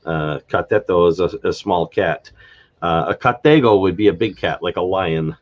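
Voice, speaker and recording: Low-voiced guy on a live stream, lots of ums and restarts, muffled lo-fi sound, typing in the background. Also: normal speed. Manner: thinking aloud, many fillers and restarts. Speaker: live stream host explaining a constructed language. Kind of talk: unscripted live stream chat.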